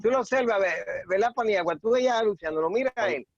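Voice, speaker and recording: A man chatting on a panel, talking straight to the others in an animated way. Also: high-pitched, quick pace, dry recording, highs cut off. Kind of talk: casual chat.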